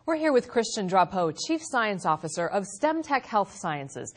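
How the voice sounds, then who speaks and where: A woman's voice: medium pitch, big pitch swings, normal speed, faint music behind. Polished female infomercial host. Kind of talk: scripted presenting.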